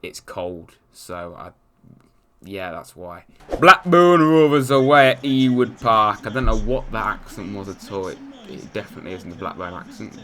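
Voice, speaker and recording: A young English man giving casual commentary over a football video game, chatty, muttering asides and cheering loudly at goals. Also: sits low. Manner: chatty, swings between mumbled asides and excited shouts at goals. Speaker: gaming youtuber. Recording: light music behind.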